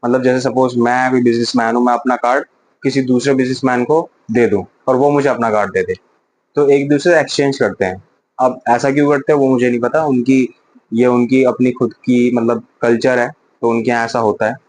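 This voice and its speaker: A man teaching Japanese vocabulary in a casual lesson, repeating example sentences slowly and loudly. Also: mid-range voice, steady tone, poor audio.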